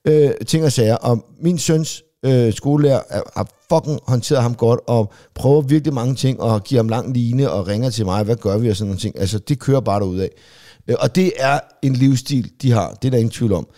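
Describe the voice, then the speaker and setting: Mellow-voiced joking man. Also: mid-range voice. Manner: joking, quick agreeing interjections. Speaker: podcast co-host, comedian. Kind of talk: casual chat.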